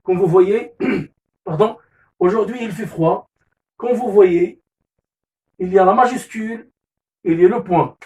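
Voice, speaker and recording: A man's voice: high-pitched, a little slow, long pauses, darkish tone. Moroccan-accented male teacher explaining grammar step by step, repeats himself and self-corrects, recorded from a little distance. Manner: repeats key terms, corrects himself with "pardon"; mixes French with Moroccan Arabic asides. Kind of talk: classroom lesson explanation. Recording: voice distant from the mic.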